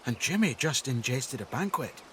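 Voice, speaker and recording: An actor voicing a cheery, pompous owl in a video game, with quaint theatrical old-fashioned speech. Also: male voice, mid-range voice, very animated, moderate pace, a little hiss or hum, lightly acted. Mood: cheery, genteel. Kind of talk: video game character acting.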